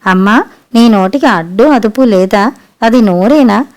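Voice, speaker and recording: A woman's voice: on the high side, unhurried, a little mellow, lightly acted. A woman voicing a devoted adult daughter in a storybook reading, speaking earnestly and reproachfully. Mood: indignant.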